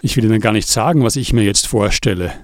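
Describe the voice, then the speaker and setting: A man reading an audiobook, voicing a female village police officer who speaks in a measured, patient and firm way. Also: lowish voice, no room sound, studio quality, natural voice.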